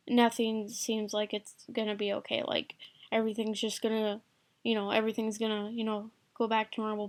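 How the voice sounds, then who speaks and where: A woman giving loose, rambling advice to camera late at night, packed with "like" and casual swearing. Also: mid-range voice. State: sleepy, yawning late at night.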